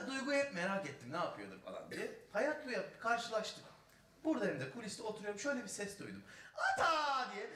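A man telling a comic story on stage, animated and mocking. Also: sits high, echoey room, far from the mic, a little hiss or hum. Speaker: stand-up comedian. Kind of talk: stand-up storytelling.

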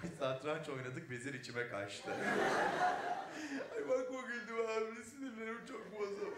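A man's voice: high-pitched, lively intonation, normal speed, very echoey, recorded from a distance, heavy background noise. A man voicing an effeminate, flamboyant man who complains fussily and sighs "ay" a lot, in a live stage set. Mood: whiny. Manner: camp, whiny complaining with frequent "ay". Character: effeminate flamboyant man, fussy and easily irritated.

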